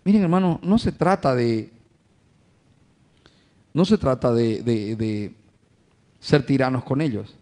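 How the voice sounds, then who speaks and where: A man's voice: mid-range voice, slow, long pauses, mellow. A male pastor preaching a sermon to his congregation, addressing them as brothers, asking rhetorical questions and acting out everyday family scenes.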